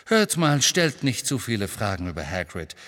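A man reading an audiobook, voicing a restless grown man in hiding who reassures briskly with a bitter edge. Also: mid-range voice, animated, fairly bright tone, long reverb tail, voice pushed up. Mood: tense, bitter.

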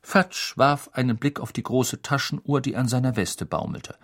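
A man narrates an audiobook with expressive, lively delivery. His voice is gravelly and husky, and his pitch moves a lot. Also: moderate pace. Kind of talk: scripted narration.

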